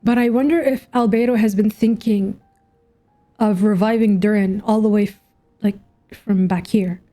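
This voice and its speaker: Over soft game music, a woman streamer comments casually on a story quest, musing and posing questions as she plays. She speaks at a moderate pace in a mid-range voice with a steady tone.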